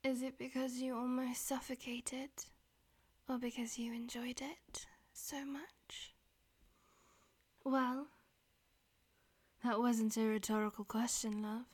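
A woman voicing a dominant, teasing female demon in an audio roleplay, speaking mostly in breathy, domineering whispers. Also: fairly high pitch, level tone, slow, long pauses.

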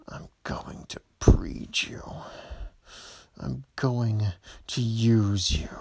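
A man playing a gravelly, slow-talking menacing stalker. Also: darkish tone, no room sound, exaggerated voice. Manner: slow, low, taunting delivery with frequent whispers. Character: menacing adult male stalker, predatory and possessive. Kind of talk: audio roleplay voicemail.

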